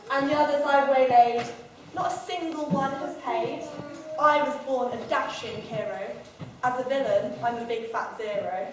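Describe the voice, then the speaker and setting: Woman as a high-voiced dandy pantomime highwayman, echoey. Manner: theatrical, declaiming. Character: swaggering but hapless dandy highwayman, a failed villain. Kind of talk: rhyming stage pantomime monologue to audience. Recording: echoey hall, distant mic, crowd noise. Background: audience noise.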